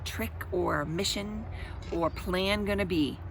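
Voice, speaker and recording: In a creaky, medium-pitched voice, a woman slowly reads a children's story aloud with dramatic, expressive emphasis. She breaks off for chatty asides to her listeners, and there's noise in the background.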